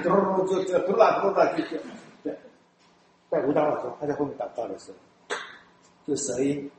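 A man from Taiwan speaking Mandarin with a Taiwanese accent, a church elder telling stories in a lively way, often laughing and mimicking people. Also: a little high. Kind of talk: storytelling talk. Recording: very echoey room with faint noise.

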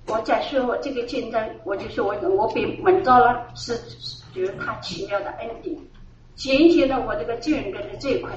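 A woman's voice: fairly high pitch, fairly quick, slight background noise. A middle-aged woman giving an earnest personal testimony at a church gathering, repeating phrases and laughing now and then as she tells it. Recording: echoey, distant, dull room recording.

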